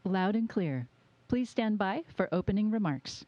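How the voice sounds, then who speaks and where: A woman's mellow voice comes over a space radio communicator, giving clipped radio checks. Her pitch moves up and down a lot. The link sounds dull and lo-fi. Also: expressive, measured pace, slight background noise. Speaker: mission control radio operator. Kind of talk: clipped radio call procedure.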